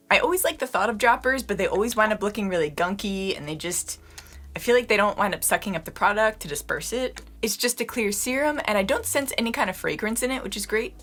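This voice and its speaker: A young woman giving a casual beauty product review. She is slightly hoarse and talks to her viewers in a chatty way, often using "like" as a filler. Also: medium pitch, a bit bright. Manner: chatty, addresses viewers as "you guys", frequent "like" fillers. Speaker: beauty vlogger.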